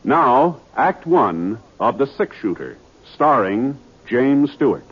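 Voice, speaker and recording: A male radio announcer giving a formal, measured introduction and public service announcement on a 1950s broadcast. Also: mid-range voice, very animated. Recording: dull old radio broadcast with music.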